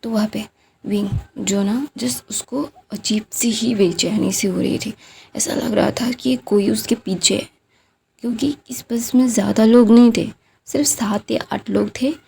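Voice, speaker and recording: A woman retells a fan story in a casual, chatty way, stringing it along with fillers. Her voice is gravelly and mellow. Now and then she sinks to a hushed near-whisper. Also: medium pitch, fairly even intonation, unhurried, slight background noise. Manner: chatty, loose, lots of fillers, drops to a near-whisper for tense parts.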